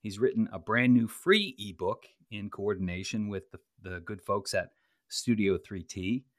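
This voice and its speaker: A man hosts a podcast in a relaxed, chatty way, with a lowish voice. The sound is dry and close. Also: normal speed, dry recording. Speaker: podcast host. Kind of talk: casual podcast chat.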